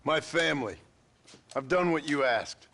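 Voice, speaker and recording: An actor playing a gruff, defiant Western gunslinger in a video game, blunt and forceful. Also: male voice, a little high, expressive, a little slow, slight background noise, exaggerated voice. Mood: insistent.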